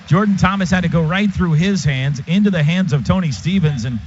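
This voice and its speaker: In a slightly high, brisk voice, a man calls live football play-by-play on the radio in clipped, punchy phrases from a stadium radio booth. The broadcast sounds dull and lo-fi, with the stadium noise coming through clearly.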